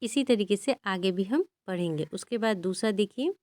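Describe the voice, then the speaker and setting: A woman teaching English pronunciation, reading single words one at a time in an even teaching tone. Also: medium pitch, normal speed, dry recording, studio quality. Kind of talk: slow pronunciation drill, reading word lists.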